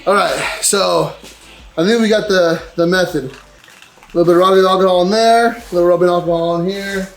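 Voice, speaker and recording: A man's voice: sits high, normal speed, gravelly, echoey room, a little hiss or hum. A man casually explaining a motorcycle grip install, laid-back and jokey, tired and out of breath. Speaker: motorcycle vlogger. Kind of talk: casual how-to chat.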